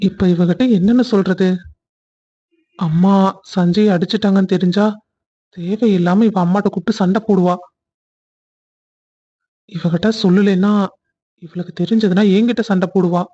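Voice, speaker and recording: A man with a mellow, dark voice plays a husband in a cartoon family story. He talks tenderly on the phone and frets to himself in between. The recording sounds dull and lo-fi. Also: high-pitched, steady tone, normal speed, pauses often.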